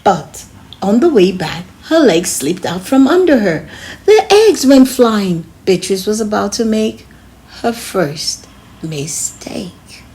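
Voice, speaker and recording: A woman reading a children's story aloud in an expressive way, speaking to her young listeners as a host. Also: mid-range voice, takes it slowly. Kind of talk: storybook read-aloud narration.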